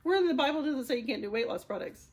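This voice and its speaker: A woman's voice: high-pitched, expressive, racing, darkish tone. A woman in her fifties sharing a personal testimony, speaking candidly and with emotion, often laughing through hard memories.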